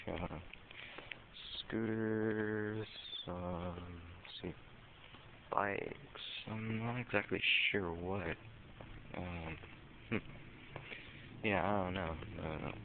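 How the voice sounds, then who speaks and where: A man casually narrating a walkthrough of a dark empty store, hesitant and full of ums, easily spooked. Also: low-pitched. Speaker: vlogger exploring an abandoned store. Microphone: handheld camera mic. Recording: tinny lo-fi camera audio with faint hiss.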